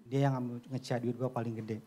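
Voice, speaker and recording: Lively Indonesian-preaching man, swinging highs and lows. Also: unhurried. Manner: casual street slang storytelling, big swings between low murmurs and high exclamations. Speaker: pastor. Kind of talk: sermon. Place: church.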